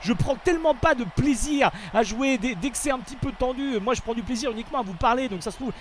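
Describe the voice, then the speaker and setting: A man giving gameplay commentary as a video host, animated, often swearing and yelling in frustration. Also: very high voice, fast talker, slight background noise.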